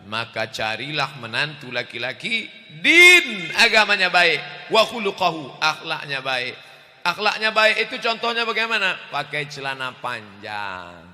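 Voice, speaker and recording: A man preaching a loud, joking sermon to a large congregation, acting out little scenes. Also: sing-song, unhurried. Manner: loud, booming delivery. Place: large mosque. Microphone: handheld stage microphone. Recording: echoey mosque hall.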